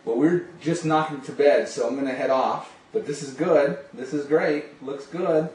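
Gushing with enthusiasm, a middle-aged man who sells video phones chats casually while demonstrating a product and talking on a call. His voice is on the high side with a darkish tone and a moderate pace. The clip is captured indoors in a small home office by a camera a few steps away, sounding roomy and distant with hiss.

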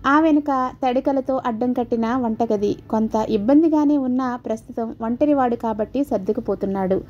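A woman narrates an audio story calmly and softly. Her voice is high yet mellow, and the recording sounds dull and lo-fi. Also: moderate pace.

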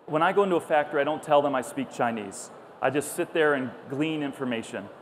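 A middle-aged company founder gives a conversational conference talk on a stage in a busy trade show hall, telling anecdotes animatedly and acting out dialogue. He speaks fast in a slightly high voice into a clipped lapel mic, with the event hall's background noise clearly audible.

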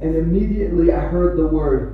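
A man in his forties preaching through an interpreter in a church hall, speaking in short encouraging phrases with pauses for translation. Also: a little high, slight background noise. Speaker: visiting preacher. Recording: echoey hall, distant and dull.

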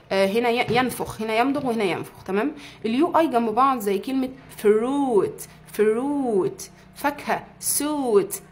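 A young woman with an Egyptian Arabic accent giving a casual English lesson, slowing down to stretch out and repeat example words. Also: fairly high pitch, a little mellow, slight background noise. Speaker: English teacher.

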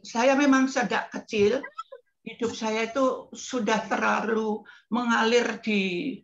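Gravelly woman in her eighties. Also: fairly high pitch, takes it slowly, dull audio. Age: 80s. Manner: lively, laughing, mimics singing scales. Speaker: guest entertainer. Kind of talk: casual talk show storytelling.

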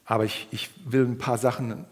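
Husky-voiced man preaching in a reverberant church. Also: moderate pace. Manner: lively, dramatic, acts out quoted voices with pitch jumps. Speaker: guest preacher. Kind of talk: sermon. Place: church hall.

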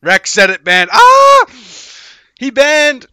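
A man in his thirties coaches on a stream from home, speaking into a headset as he reviews a player's replay with sarcastic, profane jokes. His voice is very high with huge pitch swings, slow, pushed and bright, with no echo.

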